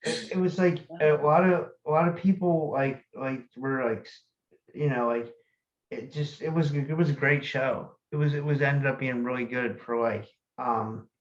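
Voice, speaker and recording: A man's voice: medium pitch, fairly even intonation, normal speed. A man hosting a podcast, chatting casually in a rambling way. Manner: rambling, lots of fillers and restarts. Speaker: podcast host. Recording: dull lo-fi audio.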